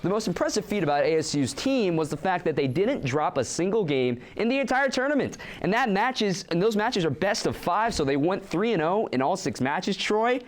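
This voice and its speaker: Lively young man anchoring sports news. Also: high voice, moderate pace, hardly any pauses. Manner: lively, animated delivery with playful ribbing. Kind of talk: student sports news show, scripted reads and banter.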